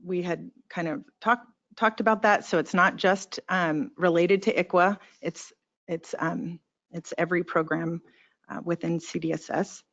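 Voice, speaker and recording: Woman, training presenter: lowish voice, hesitant and full of fillers, on a muffled, lo-fi recording. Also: fairly even intonation, measured pace, fairly bright tone. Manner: hesitant, with frequent "um" and "uh". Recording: dull lo-fi recording.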